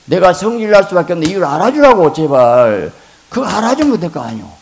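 A middle-aged male pastor preaching at a revival meeting. He is animated and acts out the voices of wives and husbands, swinging between hushed asides and loud exclamations. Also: high voice, quick pace, gravelly, a little hiss or hum.

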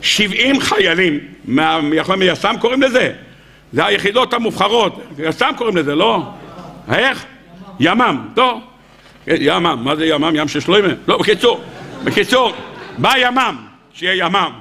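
A man, a rabbi, giving a lively storytelling sermon to a live audience, joking, acting out the characters and putting questions to his listeners. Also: sits high, gravelly. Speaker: rabbi giving a weekly Torah lecture. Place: lecture hall with a live audience.

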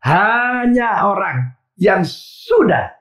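A man's voice: sits high, extremely slow. Pastor guy w tinge, preaching, voice jumps way up and down, echoey hall. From Indonesia. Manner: lively preaching with sudden loud exclamations, addressing the congregation. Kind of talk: sermon.

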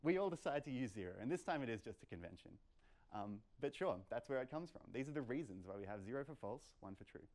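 Speaking indoors in a lecture room at a meetup, a young adult man lectures informally, making emphatic explanations and asking rhetorical questions. He has a mid-range, darkish voice with lively intonation and a quick pace.

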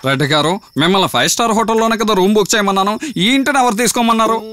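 A man's voice: high voice, animated, very fast, pushed and bright, smooth. An actor playing a hot-tempered, blustering gang boss who scolds and threatens his men in a dubbed film comedy. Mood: angry. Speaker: gang boss called big brother. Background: film score music.

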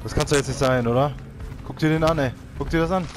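A man's voice: quick pace, background noise. A young man commentating his own video game playthrough, often frustrated and exclaiming as he plays. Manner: frustrated, exclaiming, shouts high-pitched for help in panic. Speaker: let's play gamer. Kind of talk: let's play commentary.

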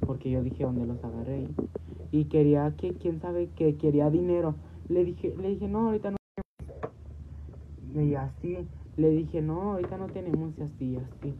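A woman's voice: low voice, moderate pace. A woman, hosting a livestream and telling a long story to her viewers, repeating and restarting her phrases. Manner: repetitive, restarts phrases, quotes herself often. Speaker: livestream host. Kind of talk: casual rambling storytelling to viewers. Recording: noisy tinny phone audio.

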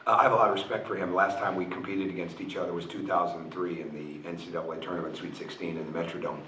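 A middle-aged man with a low voice answers reporters after a game. He is frank and keeps repeating and restarting his words. His voice echoes around a press room and is caught from a little way off the mic. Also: flat delivery, fast talker, bright, forceful tone, slight background noise. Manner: frank, repetitive, restarts phrases. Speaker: college basketball coach. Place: press room in front of a logo backdrop. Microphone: table mic on a stand. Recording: roomy, picked up from a distance.

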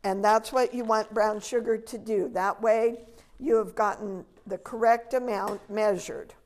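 A woman's voice: medium pitch, fairly even intonation, unhurried, a little mellow. An older woman giving a patient, step-by-step cooking demonstration in a large demo kitchen, filmed from a distance. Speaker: extension educator.

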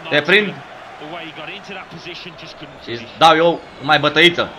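A man commentating his own football video game match, yelling at his players and teasing them, hoarse from shouting. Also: fairly high pitch, slight background noise, rough recording. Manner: yells at his players, rhymes and teases. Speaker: gameplay commentator.

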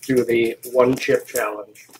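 A man's voice: mid-range voice, flat delivery, slow, a little mellow, a little hiss or hum. A man co-hosting a casual video chat, talking in an upbeat, matter-of-fact way. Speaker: co-host.

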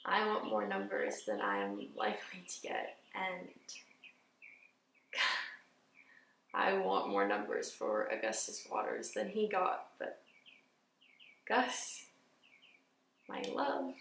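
A young woman acting a dramatic monologue as a grieving, tender young woman eulogizing her beloved, with halting, emotional delivery. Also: medium pitch, creaky, a bit bright, slight background noise, heavily acted. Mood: tearful, loving. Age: young adult. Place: indoor studio with dark backdrop. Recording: roomy echo, slightly distant mic.

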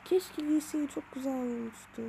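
A gamer screaming excitedly like a football commentator over their own match, repeating words. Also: high-pitched, normal speed, vocal fry, low-quality recording. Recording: loud background noise, game sound.

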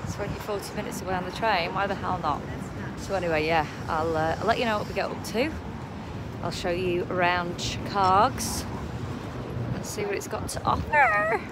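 A woman's voice: on the low side, very animated, moderate pace, heavy background noise. A woman musician chatting casually to camera in a tour vlog, upbeat and talking straight to her viewers. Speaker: touring musician vlogging.

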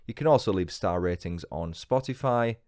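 A man's voice: low-pitched, animated, normal speed, a little mellow. A man with a Northern English accent hosting a true crime podcast, reading his script with dry, wry asides. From England. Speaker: podcast host.

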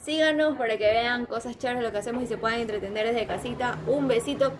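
Young woman, slightly high voice, playful chatty street interviewee; people talking nearby. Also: fast, crowd noise. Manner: chatty, laughs often, playful. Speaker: interviewee, social media creator. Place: outdoors on a city street.

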